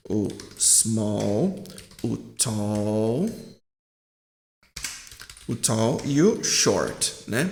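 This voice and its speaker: Brazilian man teaching english, lively pitch. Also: creaky, roomy sound. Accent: Brazilian Portuguese. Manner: explains step by step, often checking in with "né?" and "certo?"; says English example words slowly and drawn out. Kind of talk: classroom-style explanation.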